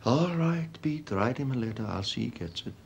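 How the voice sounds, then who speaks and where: A smug, taunting interrogator. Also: male voice, mid-range voice, animated, moderate pace, vocal fry, darkish tone, lo-fi sound, a little hiss or hum. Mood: menacing mockery. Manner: mocking, coolly bureaucratic. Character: smug menacing apartheid-era male police interrogator. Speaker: security police interrogator.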